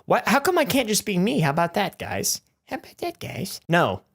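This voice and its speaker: A man's voice: high-pitched, huge pitch swings, normal speed, creaky, fairly bright tone, breathy edge. A nineteen-year-old man reading viewer comments aloud in a casual vlog. He is goofy and self-mocking, swears, and often breaks into mock outrage. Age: late teens.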